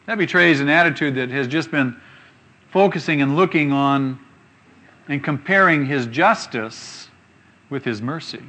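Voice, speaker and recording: A man preaching a sermon, reading scripture slowly and asking rhetorical questions with emphasis. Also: fairly high pitch, bright, forceful tone.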